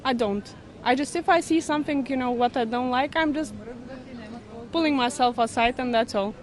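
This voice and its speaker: A woman interviewed on the street, giving her opinion in halting, earnest English full of fillers. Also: sits high. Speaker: passer-by interviewee.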